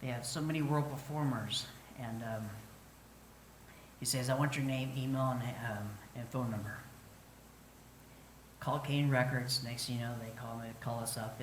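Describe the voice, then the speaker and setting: A middle-aged man from northern Arizona tells his personal story earnestly, pausing often and searching for words. His voice sits at an ordinary pitch and rings in a roomy space with faint ambient noise behind him. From northern Arizona, United States. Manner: earnest, halting, with many pauses and fillers. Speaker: Navajo flute musician telling his story.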